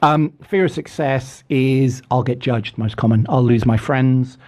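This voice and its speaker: A man, a radio guest, calmly explaining what drives people's fears and acting out their inner thoughts. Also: mid-range voice, a little slow. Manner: calm, explanatory, acts out quoted thoughts. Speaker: guest therapist on phobias. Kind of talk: explaining on a radio talk show. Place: radio studio.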